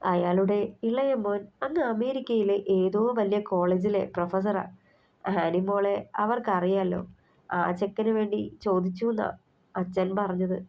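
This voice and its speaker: A woman's voice: mid-range voice, fairly even intonation, unhurried, lightly acted. A woman voicing an older mother who presses her family about a marriage proposal, in a persuasive, motherly way. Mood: urging. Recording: slightly muffled recording.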